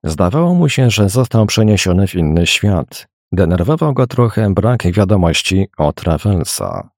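A man's voice: low voice, big pitch swings, normal speed, darkish tone, no echo, studio quality. A man narrating an adventure novel as an audiobook, reading expressively. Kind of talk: scripted narration.

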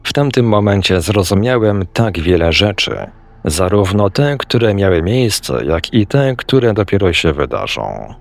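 A man's voice: on the low side, very animated, measured pace. A man narrating a first-person story in an earnest, reflective manner.

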